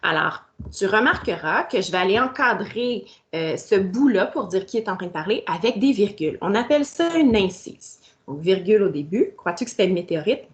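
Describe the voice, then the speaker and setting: A woman teaches a recorded grammar lesson for children. She talks straight to the pupil in a patient, step-by-step way. Her pitch sits in a middle range. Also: expressive, moderate pace. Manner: patient, explaining step by step, speaking directly to the pupil.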